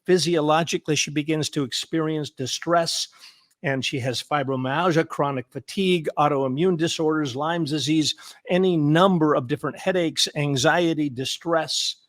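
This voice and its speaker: Earnest male therapist guest, emphatic and repetitive, stammering restarts, slightly high voice, dry close sound. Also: normal speed, no echo. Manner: earnest and emphatic, repeats words for stress. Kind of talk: conversational interview.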